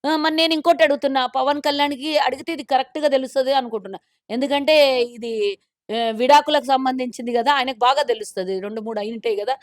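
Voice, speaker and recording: A woman's voice: high voice, fairly even intonation, fast talker, no echo, studio quality. A woman with a Telangana accent, a corporation chairperson speaking as a guest in a political interview in an indignant, pointed and sarcastic way. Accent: Telangana Telugu.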